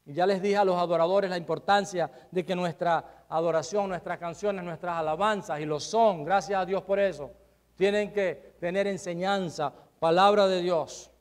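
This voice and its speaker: A male pastor preaching a sermon, swinging between loud emphasis and quiet asides and asking the congregation rhetorical questions. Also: high voice, steady tone, normal speed.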